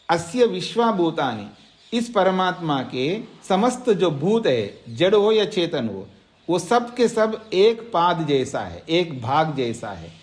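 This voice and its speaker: A man teaching a scripture class, reciting Sanskrit verses and explaining them line by line, repeating phrases so students can write them down. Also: on the high side. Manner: slow, repeats phrases for dictation. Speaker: Vedanta teacher. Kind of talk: scripture lecture. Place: ashram class.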